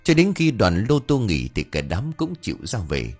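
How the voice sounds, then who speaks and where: A man narrating a ghost story in an expressive, lively storytelling manner. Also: on the low side, normal speed, slightly rough, faint music behind.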